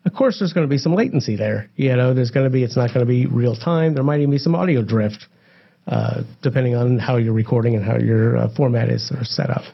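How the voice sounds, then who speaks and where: Male guest expert, gravelly voice, relaxed filler-heavy explainer. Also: mid-range voice, quick pace. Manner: explains plainly with many fillers. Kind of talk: casual chat. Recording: dull lo-fi sound.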